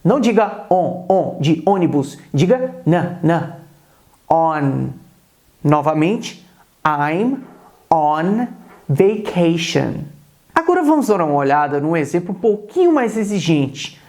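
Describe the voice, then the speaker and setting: Um professor de inglês do Brasil, homem jovem com sotaque brasileiro, fala numa entonação bem viva que sobe e desce. Ele conduz uma aula em vídeo e repete os exemplos com calma e cuidado. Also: male voice, high-pitched. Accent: Brazilian Portuguese. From Brazil. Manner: repeats example words slowly and deliberately. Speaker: English teacher. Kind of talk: video lesson on English pronunciation.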